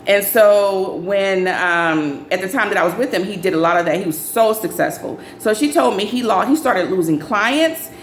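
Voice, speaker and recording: A young adult woman telling a casual dating storytime, acting out quoted lines in a raised, animated voice. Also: moderate pace, hardly any pauses, a little hiss or hum. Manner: animated, acts out friends' lines in higher voices. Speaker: storyteller vlogger. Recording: echoey room with faint ambience.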